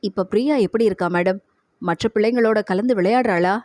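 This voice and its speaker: Woman voicing a soft-spoken young father. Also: mid-range voice, dry recording, clean studio sound, lightly acted. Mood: tender. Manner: quiet, slow and tender.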